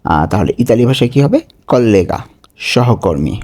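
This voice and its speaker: A man's voice: mid-range voice, expressive, darkish tone. A man teaching a vocabulary lesson. He says each word and its meaning over and over, and keeps asking whether his listeners follow. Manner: repeats each word slowly, asks checking questions. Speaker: language teacher.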